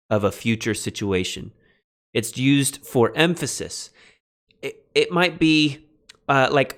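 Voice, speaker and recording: A man lecturing on biblical Greek grammar in a recorded class. He talks in an animated, emphatic way and breaks off for quick asides to his students. His voice sits at an ordinary middle pitch for a man. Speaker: Greek instructor.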